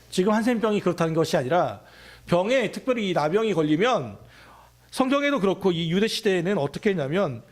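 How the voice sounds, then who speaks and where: A man preaching a sermon as pastor of a church, talking conversationally and asking his listeners many questions. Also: high-pitched.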